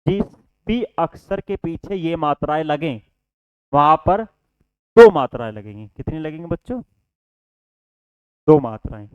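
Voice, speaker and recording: A man with a slightly raised, smooth voice teaches a Hindi lesson step by step. He keeps quizzing his students and answering his own questions. The sound is dry and close but a little dull and lo-fi. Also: a little high, animated, measured pace, long pauses, dry recording. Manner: explains step by step, often asks the class questions and answers them himself; addresses students as children, repeats "ठीक है". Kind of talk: online exam-prep lesson.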